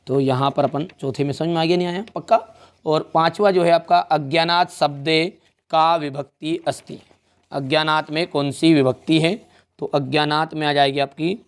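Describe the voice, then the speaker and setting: A young male teacher talks through a revision lesson one step at a time. His voice sits a little high, and he keeps checking in with his students in a friendly, easy way. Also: clean tone.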